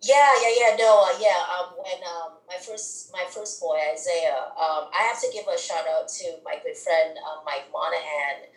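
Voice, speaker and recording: A middle-aged woman from Trinidad, a philosophy professor, talks reflectively in an interview, with many pauses and restarts. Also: on the low side, echoey room, low-quality recording. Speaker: guest author, philosophy professor. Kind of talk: academic interview conversation.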